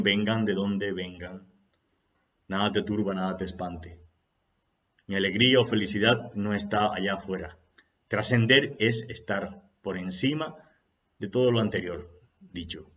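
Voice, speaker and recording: A man giving an unhurried, reflective spiritual talk, posing rhetorical questions and telling a parable. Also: on the low side, fairly bright tone, dull audio. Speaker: spiritual speaker.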